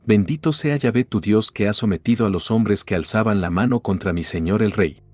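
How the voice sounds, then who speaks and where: A man's voice: on the low side, a little fast, darkish tone, no room sound, soft background music, natural voice. A man reading the lines of a young runner reporting to the king, in a plain read-aloud delivery. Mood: formal.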